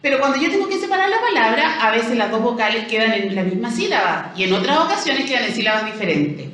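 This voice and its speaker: Woman, Chilean accent, teacher, high lively voice, syllable-by-syllable explaining, distant, very echoey room. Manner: explanatory, spells out syllables slowly. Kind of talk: recorded language lesson review.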